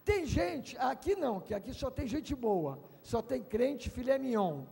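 A male pastor preaching a sermon at a congress. He speaks emphatically, shouting at times and calling on the crowd to answer him. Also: extremely high pitch, very animated, a little slow, creaky, husky, long reverb tail. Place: large congress hall.

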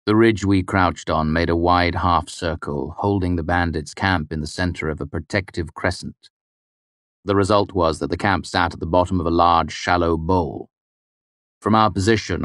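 A man narrating a fantasy novel in the first person, with a measured storytelling delivery. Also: low-pitched, fairly even intonation, no room sound, clean studio sound. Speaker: audiobook narrator.

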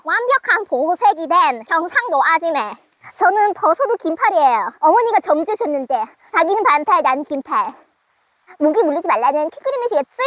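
A woman's voice: extremely high pitch, fairly bright tone, no echo. A young woman vlogging on a mountain trail outdoors, narrating in a playful mock-TV announcer style. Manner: teasing, announcer-like delivery.

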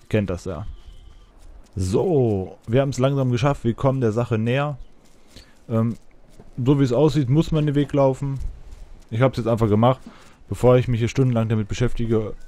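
A man's voice: mid-range voice, mellow. A man giving casual gameplay commentary for a video game tutorial, chatty and impatient, with rambling asides. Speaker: let's play tutorial host. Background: faint game music.

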